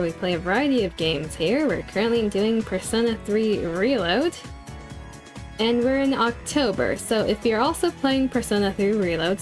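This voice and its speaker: Female VTuber streamer, cute and bubbly, very lively intonation, chatting live over game music. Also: a little high. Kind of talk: live game stream chat, greeting viewers. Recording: music in the background.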